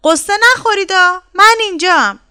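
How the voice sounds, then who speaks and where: A woman voicing a tiny, eager and stubborn chickpea boy in a storybook tale, with a high, insistent childlike voice. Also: sharp tone. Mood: playful.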